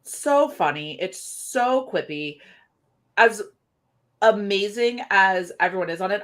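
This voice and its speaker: A woman with a fairly low voice chats on a casual podcast. She talks freely and pokes fun at herself as she goes. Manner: chatty, self-deprecating, quick to laugh.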